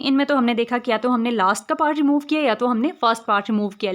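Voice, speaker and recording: A woman teaching a lesson, explaining patiently and repeating example words slowly. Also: fairly high pitch. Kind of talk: explaining word formation in Hindi-English mix.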